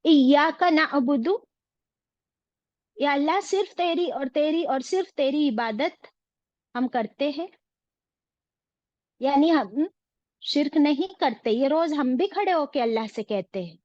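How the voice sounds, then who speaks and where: A woman's voice: sits high, lively intonation, measured pace, long pauses, darkish tone, no room sound, muffled recording. A woman teaching an online religious class, asking her students questions and mixing in English phrases. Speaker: Quran teacher.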